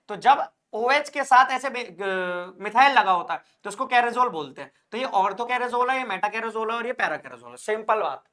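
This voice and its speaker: A man's voice: sits high, pushed and bright. A male chemistry teacher giving an exam-prep lecture, asking questions and answering them himself, calling his students brother, and using jokey wordplay to make things stick. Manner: calls students brother and child; jokey memory tricks with wordplay.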